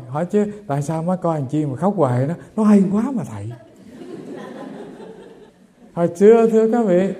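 A middle-aged Buddhist monk giving a humorous sermon, telling stories and acting out the voices of the people in them. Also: male voice, high voice, warm tone. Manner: storytelling, humorous, acts out quoted voices.

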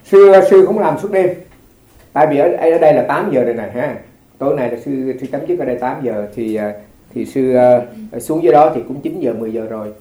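A man's voice: medium pitch, fast talker, dark tone. A man giving an informal dharma talk as a Buddhist monk, telling stories in a chatty way with many restarts. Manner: chatty storytelling with frequent restarts and light laughter. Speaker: Buddhist monk teaching a congregation. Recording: echoey room.

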